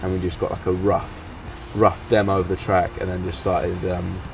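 Low, flat-voiced young London man. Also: moderate pace, gravelly, distant mic, faint music behind. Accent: London English. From England. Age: young adult. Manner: relaxed, rambling with many fillers. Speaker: band member. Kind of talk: casual recap interview. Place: outdoor garden seat in warm sun.

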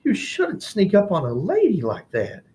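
Male narrator putting on a high, dry-witted girl cockroach, storybook. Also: huge pitch swings, normal speed, mellow, a little hiss or hum. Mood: dry, icy. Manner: dry, icy politeness. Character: proud young female cockroach, sharp-tongued.

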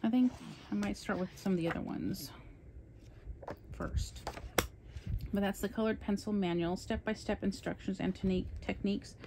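A woman's voice: mid-range voice, background noise. Chatty woman showing her coloring haul. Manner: chatty, enthusiastic, admits talking fast. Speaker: coloring channel host. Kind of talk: casual haul show-and-tell.

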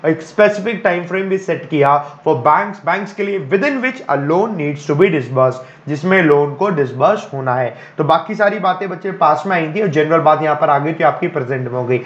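Hindi-English teacher, slow and gentle. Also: male voice, on the high side, animated, highs cut off. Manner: explains in Hindi mixed with English, coaxing students to reply; speaking slowly and gently. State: has a headache. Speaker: English teacher for bank exams. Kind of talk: online class lecture.

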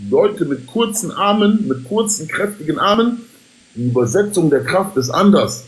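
A man with a fairly high, very lively voice talks on a casual group livestream. He coaches emphatically, in street slang peppered with Arabic oaths. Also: moderate pace, rough recording. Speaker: boxer giving fight advice.

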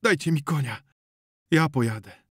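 A man's voice: fairly high pitch, normal speed, fairly bright tone, slightly rough, dry recording, studio quality, voice pushed up. A man voicing a panicked young male villager crying out in desperate pleas in an audiobook. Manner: desperate, pleading cries.

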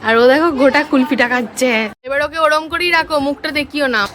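Chatty high-voiced young woman. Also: fast talker. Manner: chatty, affectionate, narrates softly at times. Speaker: vlogger. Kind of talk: casual family vlog narration. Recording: noisy family gathering with crowd chatter.

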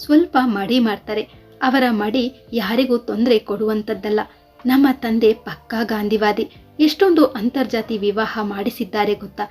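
A woman's voice: on the high side, a little mellow. A woman voicing a hurt young married woman who pleads and questions, in a storybook reading.

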